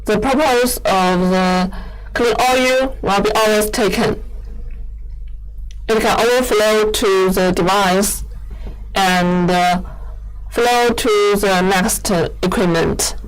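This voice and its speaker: A woman presents equipment in a live demo at a very slow, careful pace. Her voice is clean and smooth, and her simple, non-fluent English comes in hesitant pieces with repeated words. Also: medium pitch, soft background music, rough recording. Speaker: equipment company presenter giving a machine demo. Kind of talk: live product demonstration, explanatory.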